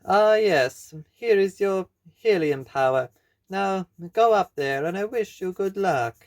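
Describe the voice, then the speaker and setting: A man's voice: high voice, lively intonation, slow, darkish tone, exaggerated voice. A man voicing a helpful male game character who hands over powers in a formal, encouraging way.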